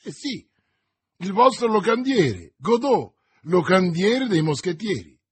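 A man's voice: slow pace, breathy edge, exaggerated voice. Man voicing impassioned young musketeer D'Artagnan. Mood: questioning. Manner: excited, pleading, raised pitch. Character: young hot-blooded male musketeer, impassioned. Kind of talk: audiobook character voice.

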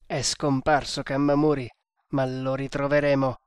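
A man reading aloud and voicing a proud adult hunter who speaks forcefully and in despair. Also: mid-range voice, flat delivery, normal speed, smooth, no room sound, natural voice. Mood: stern. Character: grieving proud male jungle hunter, adult.

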